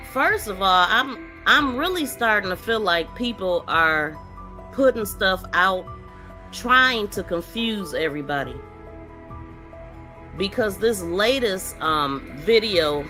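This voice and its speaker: Hosting a live true-crime commentary stream, a woman talks informally and directly to her viewers. Her voice is on the low side, bright and forceful, and her manner stays casual and conversational.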